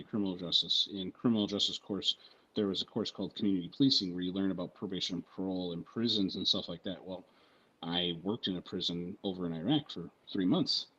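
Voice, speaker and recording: A military veteran guest telling stories on a podcast in a casual, profane, rambling way, often checking in with "right?" and "you know what I mean?". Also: male voice, sits low, fairly bright tone, highs cut off.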